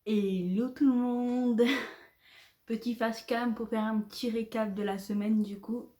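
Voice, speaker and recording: A woman's voice: fairly high pitch, fairly even intonation, unhurried, mellow, faint music behind. A young woman chatting casually to camera at home as a vlogger, laughing often and swearing lightly. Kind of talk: casual vlog chat to camera. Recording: roomy echoey home recording.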